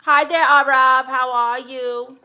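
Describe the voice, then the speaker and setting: A livestream host from Brooklyn, New York, greets viewers and answers comments with playful sass and bluntness in her Brooklyn accent. Her voice is high and sharp, moving little in pitch, and she talks at a slow pace.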